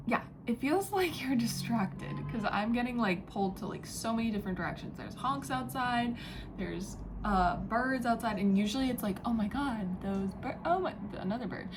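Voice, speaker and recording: Halting, dreamy woman channeling messages. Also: on the high side, expressive, background noise. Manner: dreamy, halting, many fillers, drifts into soft whispers. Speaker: psychic channeler. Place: indoors near a window, street and birds outside.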